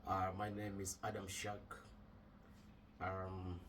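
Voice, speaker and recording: A man from Uganda co-hosting a casual podcast chat, measured and thoughtful with frequent hesitations. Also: sits low, completely flat delivery, fairly bright tone, recorded from a distance, a little hiss or hum. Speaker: podcast co-host.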